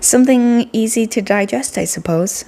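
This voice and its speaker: A woman voicing a shy, formal, soft-spoken teenage girl from a game, polite and hesitant. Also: on the high side, moderate pace, creaky, voice pushed up. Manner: hesitant, polite, self-deprecating.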